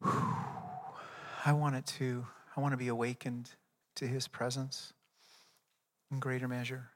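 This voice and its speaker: Speaking slowly with a flat delivery and medium pitch, a male pastor preaches emphatically, rising loud before sinking into a soft, prayerful tone. The hall around him has a long reverb.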